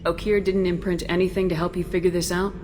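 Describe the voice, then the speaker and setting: Woman as Commander Shepard, low, assured military leader. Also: level tone, fast, music in the background, close to an everyday voice. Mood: businesslike. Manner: direct, assured. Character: confident female military commander, direct and cool.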